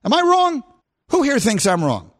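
A radio host in his fifties delivers an opinionated, mock-outraged rant. His voice sits high for a man and swings widely in pitch as he builds his point. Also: wildly swooping pitch, normal speed. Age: 50s. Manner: mock-outraged ranting, rising and emphatic.

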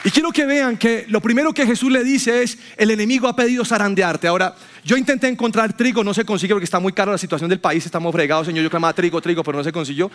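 High-voiced male pastor preaching. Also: quick pace, few pauses, fairly bright tone, some chatter behind. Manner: storytelling, acts out quotes with rising voice. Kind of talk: sermon. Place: church hall with congregation.

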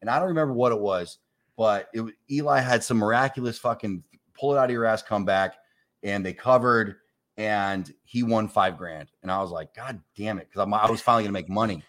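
Man, forties, lowish voice, casual storyteller, swears a lot, acts out dialogue. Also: brisk. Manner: animated storyteller, swears freely, acts out both sides of dialogue. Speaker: guest storyteller. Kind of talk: casual anecdote on a talk show.

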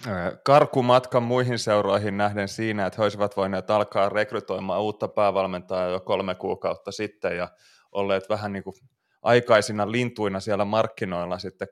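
A man co-hosting a casual sports podcast, joking and chatty. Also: on the low side. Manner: joking, laughs often. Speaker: podcast co-host.

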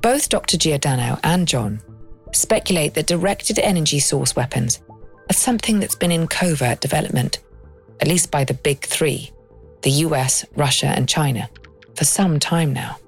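Low-voiced woman narrating a documentary. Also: normal speed, creaky, husky. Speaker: documentary podcast host. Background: music.

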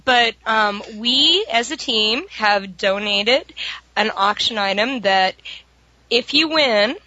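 A woman's voice: fairly high pitch, animated, slow pace, bright, forceful tone, dry recording, highs cut off. A woman podcast panelist talking in a casual, chatty style. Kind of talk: casual chat.

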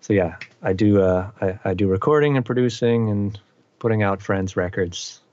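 A man's voice: fairly low pitch, moderate pace, dry recording, lo-fi sound. A middle-aged man from eastern Massachusetts, a musician guest chatting casually with lots of fillers. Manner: relaxed, rambling, many fillers. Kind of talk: casual interview chat.

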